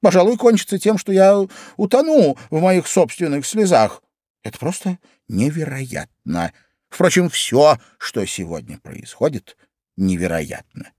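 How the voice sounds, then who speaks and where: A man's voice: a little high, very animated, unhurried, a little mellow, no echo, studio quality, voice pushed up. A man voicing a polite, eager little girl in a storybook reading, with breathless, apologetic chatter. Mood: wondering.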